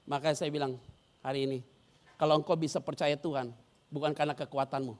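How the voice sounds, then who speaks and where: This pastor's voice is on the high side and his pace is quick as he preaches with animated storytelling and acted-out scenes. He drops casual slang and regularly puts questions to his congregation.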